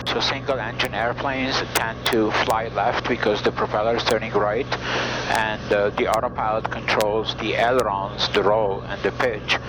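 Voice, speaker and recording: A man's voice: lowish voice, little pitch movement, normal speed. A man piloting a small plane, talking methodically over cockpit audio as in air traffic control radio calls and flight explanations. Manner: methodical, instructive. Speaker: pilot and vlogger. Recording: cockpit audio with loud background sound.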